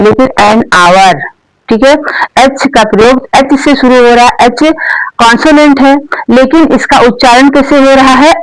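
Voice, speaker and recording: A woman teaching English grammar, asking questions and answering them herself, repeating each point, checking in with frequent "okay"s, and saying the English example words slowly. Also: on the high side, poor audio. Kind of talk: explanatory grammar lesson for learners.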